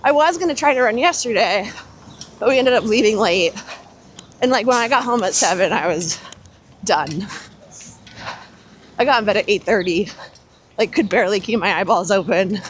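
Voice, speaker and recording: An American woman telling stories in a casual, animated chat while she runs outdoors on city streets. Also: mid-range voice, moderate pace, long pauses. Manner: talking while running. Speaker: host of a running chat. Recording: faint outdoor street noise.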